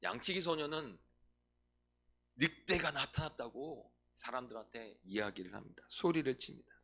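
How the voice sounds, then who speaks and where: A man's voice: medium pitch, moderate pace, creaky, sharp tone. A male pastor preaching a sermon, often putting questions to the congregation and answering them himself. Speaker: senior pastor.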